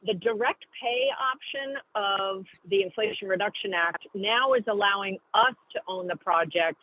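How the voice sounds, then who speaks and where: Woman on a tinny car phone line, mid-pitched, explains things step by step, stops to correct herself. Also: moderate pace. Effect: phone call from a moving car. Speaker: guest speaker. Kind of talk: call-in briefing on a video call. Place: in a car while driving.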